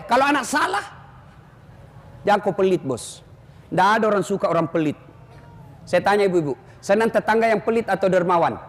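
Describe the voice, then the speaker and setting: High-voiced, teasing male preacher in a hall. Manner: teasing, jokey preaching with direct address to the crowd. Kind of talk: comic sermon. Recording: echoey hall, faint hum.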